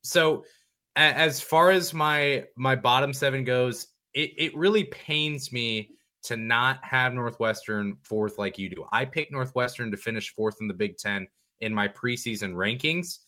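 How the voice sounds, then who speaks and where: A man appearing as a guest on a sports podcast, talking casually and thoughtfully, often pausing with ums and correcting himself. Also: mid-range voice, pushed and bright. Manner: thoughtful, hedging, many ums.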